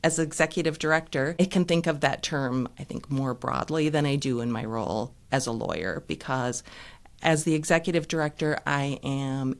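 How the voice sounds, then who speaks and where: Guest, female lawyer and nonprofit director from Nevada; clear, explanatory, lists things out. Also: rumbling low, normal speed. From Reno, Nevada. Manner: articulate, explanatory, listing things. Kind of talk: interview guest.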